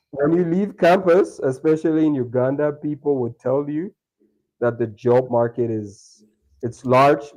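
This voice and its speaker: A young man from Liberia talks over a video call as an interview guest. His voice is mellow and warm, and he speaks in a chatty way, often restarting his sentences. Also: medium pitch, rough recording. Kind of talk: remote interview conversation.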